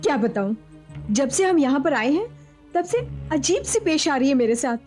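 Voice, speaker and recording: A woman's voice: high-pitched, sing-song, normal speed. Priyanka, a frightened young woman. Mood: worried. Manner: soft, intimate and worried. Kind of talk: TV horror serial acting. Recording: dramatic background music.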